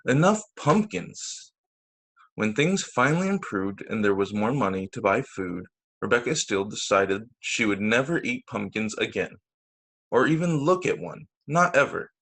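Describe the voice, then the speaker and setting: A man with a fairly low, animated voice reads a kids' storybook as a teacher on a video call. His tone is fairly bright, and he stresses key words on purpose while making brief asides to those listening.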